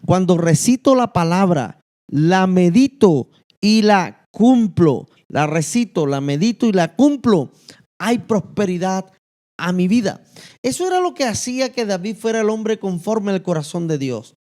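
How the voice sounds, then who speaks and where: A man's voice: high voice, lively intonation, a little slow, a little mellow. A man with a Latin American Spanish accent, preaching as a pastor in a teaching sermon, stressing single words and repeating phrases.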